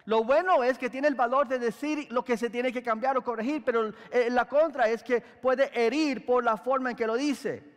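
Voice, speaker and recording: High-voiced pastor preaching in a reverberant church. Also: male voice, fairly even intonation, normal speed, few pauses. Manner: conversational preaching with frequent fillers and restarts. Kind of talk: sermon. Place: large church hall. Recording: echoey church hall.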